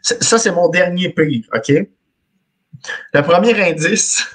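Through a video-call webcam, a quiz host in his thirties with a Quebec French accent reads first-person clues for a casual podcast quiz and laughs a lot. His voice sits high and is fairly bright and slightly rough, and he speaks slowly.

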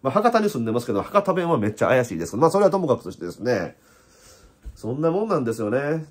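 A man with an Osaka accent, hosting a casual spiritual talk in an animated, joking way, laughing often. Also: mid-range voice, rapid-fire. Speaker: host.

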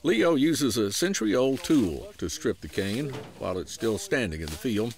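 A man with a Southern US accent narrating a documentary feature in a folksy, unhurried storytelling way. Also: mid-range voice, very animated. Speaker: program host and narrator. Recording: voice-over with music underneath.

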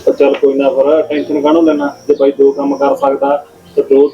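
A man acting a calm young elder brother who soothes his worried family. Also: medium pitch, a little fast, muffled recording, a little hiss or hum, natural voice. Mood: reassuring. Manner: soothing, easygoing. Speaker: actor. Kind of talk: village short film acting.

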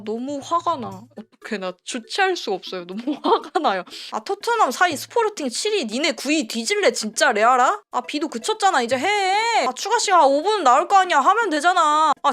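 Yelling at the players and swearing, a woman reacts emotionally while streaming a live football match. She speaks in a very high-pitched voice.

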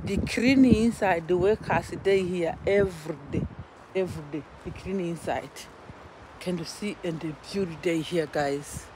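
A woman's voice: lowish voice, normal speed. A middle-aged woman with a Burundian accent vlogs casually outdoors on a phone, emphatically repeating words and phrases. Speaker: vlogger. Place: outdoors, walking in a forest. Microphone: phone at arm's length. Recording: noisy outdoor phone recording, wind and rustling.

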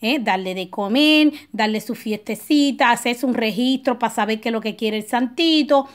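A woman's voice: on the high side, normal speed. A woman giving casual, preachy spiritual advice, full of tag questions and personal asides that wander off and circle back. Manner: digressive, with restarts and personal anecdotes. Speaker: spiritual advisor teaching a ritual. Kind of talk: casual spoken advice talk.

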